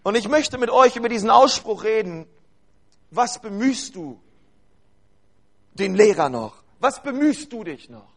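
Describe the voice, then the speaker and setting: A man with a notably high-pitched voice delivers a sermon to his congregation. He speaks with earnest, urging conviction and builds his points through repeated phrases. He addresses his listeners directly as "you". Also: lively intonation, measured pace, pauses often. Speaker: preacher.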